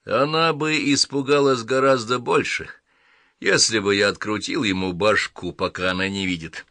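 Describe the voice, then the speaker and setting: A man reading an audiobook, voicing a brutish, menacing male thug who talks slowly and bluntly. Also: fairly low pitch, steady tone, pushed and bright, dry recording, studio quality.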